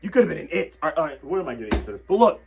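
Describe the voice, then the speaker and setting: Hoarse, high-pitched excitable young man. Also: racing. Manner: excitable, yelling rants with sudden quiet asides. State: hoarse, losing his voice. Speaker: comedy vlogger. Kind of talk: comedic tier-list rant.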